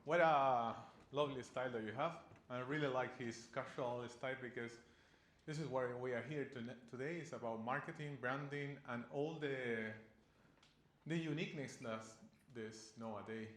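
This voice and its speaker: Conference speaker: man, mid-pitched, earnest, recorded in a roomy hall. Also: moderate pace, fairly bright tone. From Chile. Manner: earnest, loose non-native phrasing with restarts. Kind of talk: conference presentation. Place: conference room. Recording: echoey conference room.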